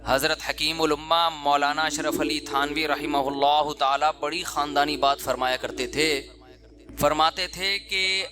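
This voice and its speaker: A middle-aged man giving a sermon in a conversational preaching manner, slipping into quick acted quotes of everyday people. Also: on the high side. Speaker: Islamic preacher.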